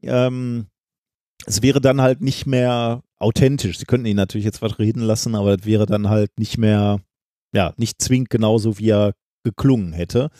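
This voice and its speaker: Man, podcast co-host, casual science explainer, frequent fillers, mellow dark tone. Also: on the low side, steady tone, moderate pace, no echo, clean studio sound. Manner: long explanations with many filler sounds and tag questions.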